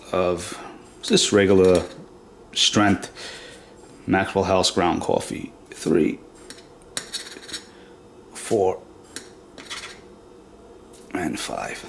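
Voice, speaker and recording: Recorded in an echoey room at home, a congested man with a nasal, stuffy cold explains a product one step at a time, plainly and with fillers. His voice is lowish and gravelly. Slight background noise is audible.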